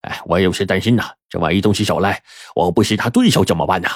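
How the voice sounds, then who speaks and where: A man's voice: sits low, fast talker, no room sound, studio quality. A man doing a fussy, sly con man. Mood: uneasy. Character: sly middle-aged male con man.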